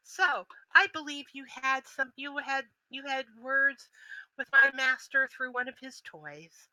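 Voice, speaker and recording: A woman voicing a sly, condescending orc mage who serves a dark master in a tabletop game. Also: high voice, a little slow, no echo, pitched above the performer's own voice, exaggerated voice, low-quality recording. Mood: smug.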